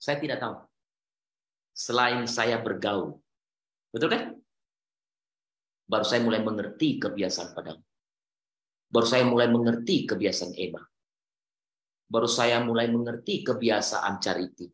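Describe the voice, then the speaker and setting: Male pastor, sermon, mid-range voice, dramatic soft-to-loud swings, questions the congregation, recorded in a roomy church. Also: medium pitch, a little slow, pauses often. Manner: dramatic swings between hushed and loud, rising exclamations; sprinkles English exclamations. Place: church service. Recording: roomy church hall echo.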